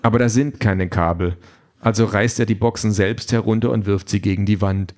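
A male narrator reads a story in a steady, dry tone. His voice sits a little low, and he keeps an even, unhurried delivery. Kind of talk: audiobook narration.

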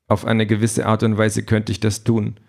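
A man voicing a calm, literal-minded android politician with a flat, matter-of-fact delivery. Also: on the low side, normal speed, vocal fry.

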